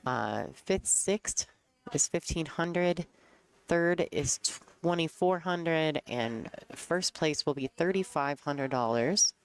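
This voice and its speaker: A woman giving casual commentary on a pool match, chatty and quick to laugh as she tells stories. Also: deep voice, animated, clear, resonant tone. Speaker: color commentator. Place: pool hall commentary booth.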